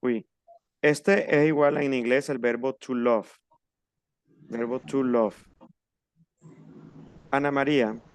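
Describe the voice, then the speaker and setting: A man leads a French class over a video call and patiently slows down to model each word. His voice is smooth and resonant, with a dry, close sound. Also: mid-range voice, fairly even intonation, dry recording. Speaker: French teacher. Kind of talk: online class instruction.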